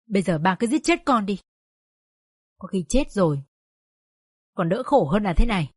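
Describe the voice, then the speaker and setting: A woman voicing a despairing, ashamed young woman speaking flatly. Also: medium pitch, moderate pace, husky, no room sound, studio quality.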